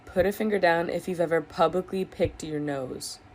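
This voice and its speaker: A woman's voice: fairly low pitch, normal speed, a little hiss or hum. A woman reading out challenge prompts in a playful, amused way.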